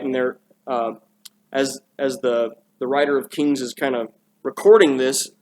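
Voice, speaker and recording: Conversational male preacher with a higher voice. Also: slight background noise. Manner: conversational, with frequent restarts and asides. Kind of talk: sermon. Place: church sanctuary.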